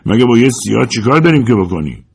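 A man's voice: mid-range voice, sing-song, vocal fry, darkish tone, slightly rough, voice pushed up, full character voice. A man voicing a menacing adult male hired gunman who barks curt orders, in a dramatized audiobook. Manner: bossy, curt commands.

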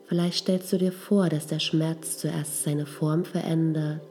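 A woman leading a guided healing meditation in a soft, gentle, breathy voice that trails toward a whisper. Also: low voice, steady tone, a little slow. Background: music.

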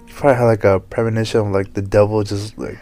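Teasing young man, lower voice. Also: flat delivery, fast talker, warm tone, faint music behind. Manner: teasing, asks lots of questions. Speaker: podcast co-host. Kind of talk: casual chat.

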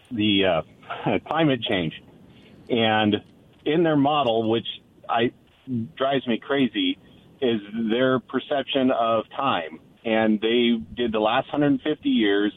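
A male radio show caller heard down a thin, phone-like line. He talks at a middle pitch in a rambling, hesitant way, and his frustration keeps showing through. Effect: phone-line voice of a call-in caller. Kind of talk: casual call-in chat.

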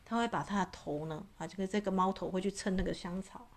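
A woman's voice: mid-range voice, fast talker. A woman, a voice coach talking casually to her audience, chatty and full of filler particles. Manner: chatty, many filler particles, imitates cat meows. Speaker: voice and astrology coach.

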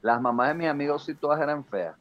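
A man's voice: fairly high pitch, fast talker. Joking man, slightly lo-fi. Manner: joking, laughs while talking, says "hermano" a lot. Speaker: podcast co-host. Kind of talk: casual comedic podcast chat. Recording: slightly dull lo-fi audio.

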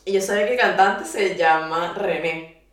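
A woman's voice: fairly low pitch, normal speed, fairly bright tone. Giggly woman, distant and roomy. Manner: playful, giggly, confessional. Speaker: podcast co-host. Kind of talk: casual chat. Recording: echoey room, distant mic.

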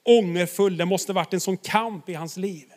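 A man preaching a sermon, retelling a story with emphasis and turning to the listeners directly. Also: high voice.

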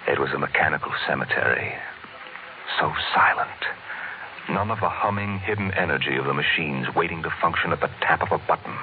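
A man narrating an old radio drama in a grave, deliberate, literary way. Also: a bass voice, phone-quality sound, slight background noise. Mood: grave, dramatic. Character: grave storyteller narrating a dark tale. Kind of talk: dramatic mid-20th-century radio narration. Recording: thin old radio, loud music underneath.

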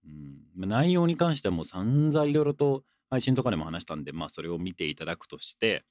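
A young man hosts a casual solo radio show, reading listener letters and drifting into loose, self-deprecating asides. His voice sits low but swings widely in pitch as he teases in a mock-formal tone. The sound is close and dry, with no room around it. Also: no echo. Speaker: podcast host.

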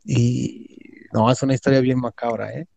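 A man's voice: medium pitch, little pitch movement, normal speed, creaky, darkish tone, dry recording. A man with a Mexican Spanish accent telling a story in casual conversation, slangy and emphatic, repeating words for weight.

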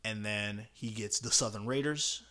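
A man hosting a podcast alone with casual commentary, talking in a halting way as he thinks aloud. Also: lowish voice, bright, forceful tone. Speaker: podcast host.

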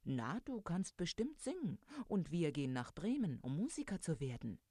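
A kindly old donkey from a storybook, inviting others along in a low, mellow voice close to the reader's own, as a woman reads him. Recorded close and dry. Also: very animated, normal speed, husky, no room sound. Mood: friendly. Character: old male donkey, friendly and eager.

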